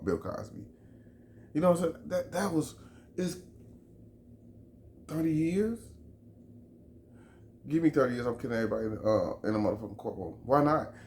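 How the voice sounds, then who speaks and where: A Chicago vlogger with a medium-pitched voice rants heatedly to camera in an echoey room, with slight background noise. He's emphatic and profane and repeats himself while airing his opinions, and the recording has roomy echo and faint ambience.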